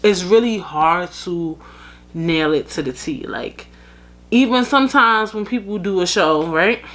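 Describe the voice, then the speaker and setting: A young American podcast host talks on her own at a measured pace, her lowish voice fairly bright and lively in intonation. She addresses listeners casually and frankly, with lots of fillers and asides.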